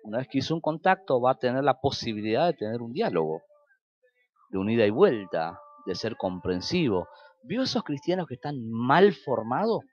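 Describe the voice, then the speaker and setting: Argentine pastor preaching with lively swings. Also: male voice, mid-range voice, normal speed, dull audio. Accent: Argentine Spanish. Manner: storytelling, acts out quoted dialogue, rises and drops sharply. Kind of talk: sermon.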